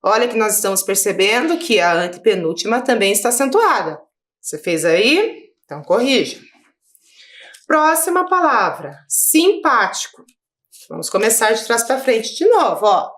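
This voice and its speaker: A woman's voice: on the high side, big pitch swings, normal speed, fairly bright tone. A woman teacher from Brazil giving a recorded video lesson for children, explaining step by step and often checking in with her pupils. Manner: patient, explaining step by step with frequent check-ins.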